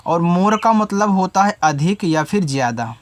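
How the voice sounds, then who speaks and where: A man teaching beginners English spelling, reading out words letter by letter, slowly and patiently. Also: sits high, animated. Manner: patient, coaxing teacher talk.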